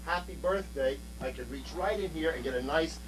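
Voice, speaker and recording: A man's voice: fairly high pitch, normal speed, over a noisy crowd, poor audio. A man working as a children's party magician, giving showy magic patter, coaxing the young audience and counting aloud on an amateur home video. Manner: coaxes audience, counts aloud, theatrical presenting.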